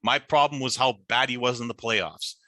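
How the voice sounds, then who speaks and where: A man hosting a casual sports picks podcast, talking in an animated way with a lot of teasing trash talk. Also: mid-range voice, moderate pace, no room sound. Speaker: podcast host.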